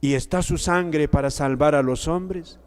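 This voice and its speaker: A male priest giving a sermon, preaching slowly and emphatically, repeating key words with pauses between phrases. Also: fairly high pitch, a little mellow, smooth. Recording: long hall reverb.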